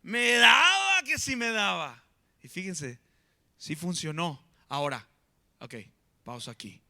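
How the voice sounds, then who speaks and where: A man preaching a sermon in an animated way, swinging between loud and soft. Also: high voice, slow pace, vocal fry. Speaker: pastor.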